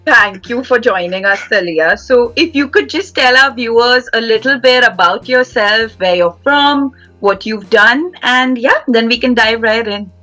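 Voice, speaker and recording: Host: friendly woman, bright tone, faint music behind. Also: a little high, measured pace, few pauses, rough recording. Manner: friendly, welcoming. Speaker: podcast host. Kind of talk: podcast introduction.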